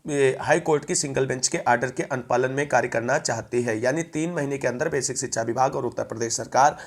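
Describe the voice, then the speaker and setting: A man's voice: medium pitch, a little fast, vocal fry. Male news presenter, mid-range voice, formal wording and long running sentences. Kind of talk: news update narration.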